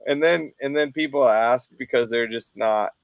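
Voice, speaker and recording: A man from southern Minnesota, with a Minnesota Upper Midwest accent, spins animated stories in a casual podcast chat, mimicking voices and laughing often. His mid-range voice is creaky, at normal speed, with no room sound.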